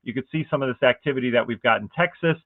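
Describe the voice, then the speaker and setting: A man giving a casual, conversational weather forecast, excited about the pattern and often asking viewers rhetorical questions. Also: medium pitch, racing, no room sound. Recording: dry, phone-like narrow band.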